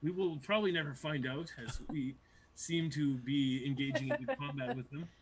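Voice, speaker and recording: A man's voice: on the high side, normal speed, a little hiss or hum, low-quality recording. A man narrating a tabletop game as its game master.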